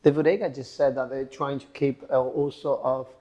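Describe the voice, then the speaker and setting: A man co-hosting a chat over wine, agreeable and chiming in with "yeah", speaking somewhat halting English. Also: medium pitch, steady tone, dark tone. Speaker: co-host, lawyer. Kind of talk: casual interview over wine.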